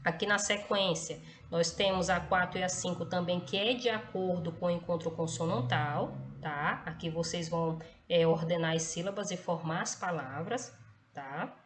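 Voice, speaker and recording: A woman's voice: on the low side, normal speed, a little hiss or hum. A woman teaching a recorded class, explaining step by step and checking in with the students after nearly every phrase. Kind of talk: recorded online class lesson.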